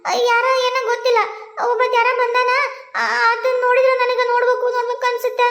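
A woman voices an anxious village woman in a North Karnataka Kannada cartoon, defending herself and explaining in a rush. High voice, echoey room. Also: completely flat delivery, quick pace, fairly bright tone.

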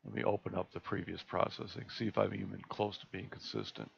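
Gravelly man demoing software on a call. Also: deep voice, slight background noise. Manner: relaxed, halting, many fillers and restarts. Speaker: astronomy club presenter. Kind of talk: live screen-share tutorial. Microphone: computer mic on a video call. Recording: dull lo-fi video call audio.

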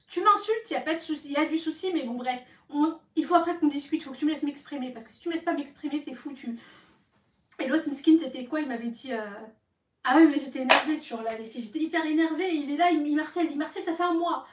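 A young woman telling her followers about phone calls in a casual, animated way, acting out the other side of each call. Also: high voice, fast. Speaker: live streamer talking to her followers. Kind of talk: casual storytelling to viewers. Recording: echoey room, voice from some distance.

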